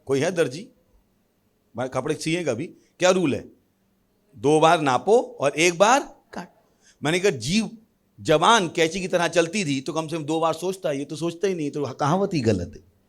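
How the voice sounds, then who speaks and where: Guy preaching a sermon, kinda high voice, jokey asides, keeps asking the crowd stuff. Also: normal speed. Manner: animated preaching with humorous asides and acted voices; repeats questions to the congregation. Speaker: pastor.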